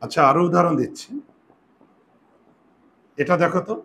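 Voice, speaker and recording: A man with a fairly high voice teaching a classroom lesson. He explains each step slowly and keeps quizzing his students as he goes. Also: creaky, fairly bright tone, a little hiss or hum. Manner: explanatory, asks the class questions. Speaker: Bengali grammar teacher.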